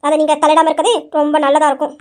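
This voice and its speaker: A defiant young wife, played by a woman in a homemade audio drama, scolding and insistent. She speaks with a very high, rapid voice. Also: completely flat delivery, natural voice.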